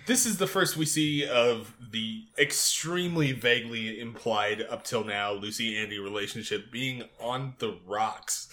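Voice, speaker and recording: A man with a bright, forceful voice chatting through a TV episode recap with a co-host. He talks in a loose, animated way, laughs easily and swears casually. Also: medium pitch, unhurried, hardly any pauses. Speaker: podcast co-host.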